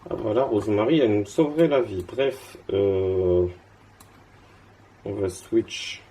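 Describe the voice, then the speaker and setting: A man's voice: on the low side, creaky, dark tone. A young man casually commenting on his card game as he plays, thinking aloud with lots of fillers and restarts, tired and yawning.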